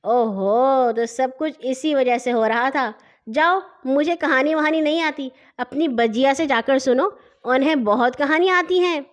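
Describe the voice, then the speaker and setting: A woman voicing a young older brother who gently teases and lectures his little sister in a storybook tale. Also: high-pitched, natural voice. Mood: refusing.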